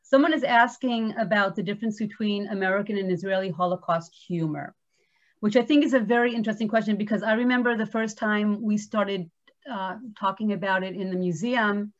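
A woman's voice: medium pitch, a little fast. A woman from the museum staff moderating a virtual talk. She speaks with a slight lisp and reads audience questions aloud. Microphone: video call. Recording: slightly dull lo-fi audio.

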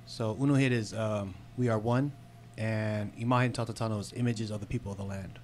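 A man in his thirties, a podcast guest from San Diego, talking about his life in a relaxed, unhurried way with fillers, into a studio mic. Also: fairly low pitch, a little hiss or hum. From San Diego, California. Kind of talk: casual podcast chat. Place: small studio with red curtains. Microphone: studio mic on boom arm, headphones.

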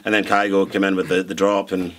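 Low-voiced middle-aged male producer. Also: level tone, a little fast, a bit bright. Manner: rambling, many restarts and fillers. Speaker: producer and songwriter. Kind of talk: relaxed interview chat.

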